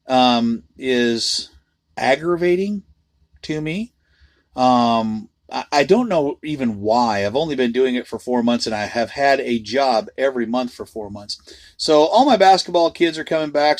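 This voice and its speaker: A man chatting casually to his vlog audience, candid and self-deprecating as he rambles along. His voice sits in a middle pitch and sounds close and dry, with no room around it. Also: no echo. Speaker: freelance voice actor.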